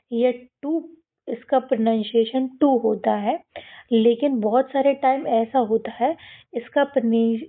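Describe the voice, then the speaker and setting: A woman teaching children to read English words, repeating each sound and asking them questions as she goes. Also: fairly high pitch. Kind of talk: slow explanatory lesson to children. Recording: tinny phone-like recording.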